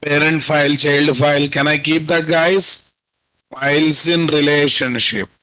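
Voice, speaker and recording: A man's voice: on the high side, fairly even intonation, measured pace, bright, forceful tone. A man with a Telugu Indian accent teaching a live online programming lesson, dictating notes, repeating phrases and prompting students with questions. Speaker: programming instructor. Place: indoor room at a computer, video call.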